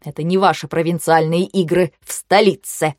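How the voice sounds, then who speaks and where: A woman's voice: on the low side, fairly even intonation, moderate pace, no room sound, clean studio sound, close to an everyday voice. A woman voicing an irritable, haughty young male noble in an audiobook, speaking in a curt, scolding way. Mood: angry.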